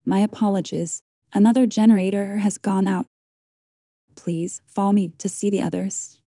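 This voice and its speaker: A formal, blunt female robot, played by a woman in an audio drama. Her tone is very bright and sharp, with a mid-range pitch. She keeps a clipped, courteous manner that slides into dry sarcasm. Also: fairly even intonation, moderate pace, no room sound, natural voice.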